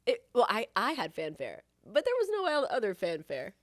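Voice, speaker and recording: Animated, laughing woman co-host. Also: mid-range voice, normal speed, no room sound, clean studio sound. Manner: animated and laughing, fiddling with the recording settings. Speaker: podcast co-host, company founder. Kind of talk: casual chat.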